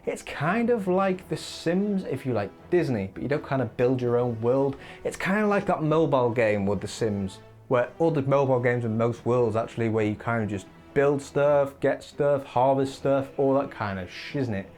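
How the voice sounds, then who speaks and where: A gaming video host runs a countdown in a mid-range voice at a moderate pace with few pauses, his voice wearing thin. His casual commentary rambles and is opinionated, full of lively asides, over faint background music.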